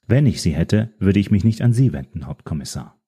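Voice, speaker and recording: A man voicing a calm, mysterious woman informant who speaks in a measured, quietly menacing way. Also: low voice, slightly rough, heavily acted. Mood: cool, composed.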